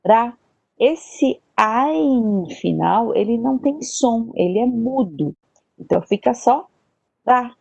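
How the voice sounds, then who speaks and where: Slow, patient woman teaching Hebrew. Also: mid-range voice, creaky, darkish tone, dry recording, dull audio. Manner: patient, repeats syllables and checks with "tá? ok?". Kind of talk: slow classroom explanation.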